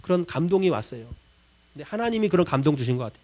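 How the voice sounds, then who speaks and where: A man, a pastor, delivering a sermon as a personal story, acting out his own prayers and swinging between loud pleading and hushed murmurs. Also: fairly high pitch, sing-song, very fast.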